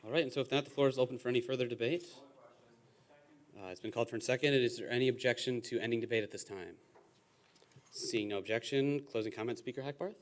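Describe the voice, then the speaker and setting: A young man chairing a student senate meeting, moving briskly through roll call and procedural votes. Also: medium pitch. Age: young adult. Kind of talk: parliamentary procedure.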